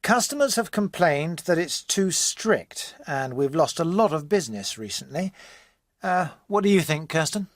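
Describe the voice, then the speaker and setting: A woman's voice: sits low, animated, moderate pace, no echo, studio quality. A woman playing a businesslike, orderly meeting chair in a scripted language-course dialogue. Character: businesslike meeting chair running a staff discussion.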